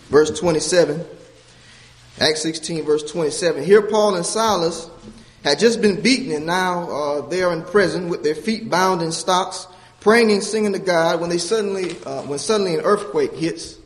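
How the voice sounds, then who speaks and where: A man's voice: fairly high pitch, measured pace. A man preaching a sermon in a church, earnestly teaching scripture and asking the congregation questions. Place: church with a baptistry. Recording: long hall reverb.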